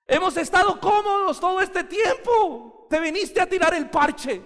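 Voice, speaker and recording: A man's voice: very high-pitched, big-room sound, voice pushed up, heavily acted. Man doing a shrieking tormented demon. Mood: agitated. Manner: loud, strained, drawn-out cries. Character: agitated male demon, shouting at his intruder.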